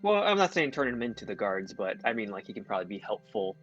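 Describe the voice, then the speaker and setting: A man's voice: on the low side, very animated, fast, fairly bright tone, muffled recording, faint music behind. A man playing a tabletop game, talking hesitantly with many fillers. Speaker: player.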